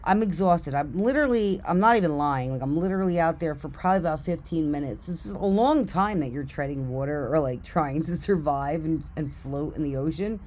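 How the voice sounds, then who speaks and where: Middle-aged woman, low voice, casual swearing storyteller, lively and laughing. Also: fairly quick, few pauses, slight background noise. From New Jersey.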